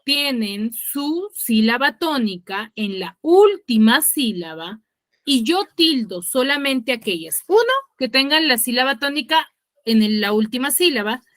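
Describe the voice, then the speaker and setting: Bright-voiced woman teaching an online class. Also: sits high, lively intonation, unhurried, no room sound, clean studio sound. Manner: checks understanding with frequent tag questions; corrects herself mid-sentence. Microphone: video call.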